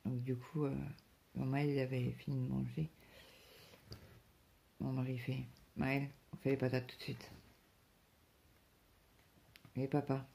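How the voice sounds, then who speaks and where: Chatty woman, gravelly voice. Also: very deep voice, a little slow, long pauses. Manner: chatty, quotes her husband in lively bits, drops to whispers. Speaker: crafting vlogger. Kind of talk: casual chat, storytelling.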